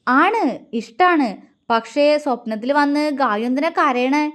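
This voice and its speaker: A woman voicing a gentle young husband who speaks in a soft, sad, wistful way. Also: sits high, lively intonation, measured pace.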